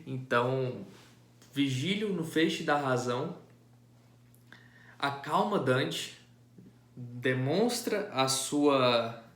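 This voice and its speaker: A man explaining a classic poem in a casual, halting way, often restarting phrases and adding tag questions. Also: mid-range voice, fairly bright tone. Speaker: amateur literature explainer. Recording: echoey room.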